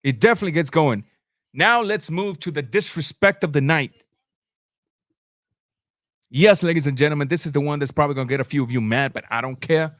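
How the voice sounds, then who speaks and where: Fairly high and a touch bright, this man talks quickly but stops often, his studio-quality sound free of echo. He's running live boxing commentary and responding to chat, using blunt, informal slang and repeating lines for emphasis.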